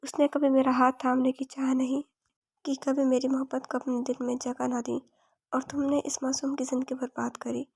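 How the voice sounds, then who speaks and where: Narrator woman voicing bitter heartbroken young husband, storybook romance, high flat read. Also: normal speed, gravelly, breathy edge, dry recording, clean studio sound, exaggerated voice. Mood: bitter, sorrowful.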